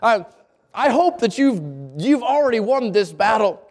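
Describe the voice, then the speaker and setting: A man's voice: extremely high pitch, lively intonation, a little slow, darkish tone. A middle-aged man, preaching a sermon in a candid, conversational way full of personal stories. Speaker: pastor.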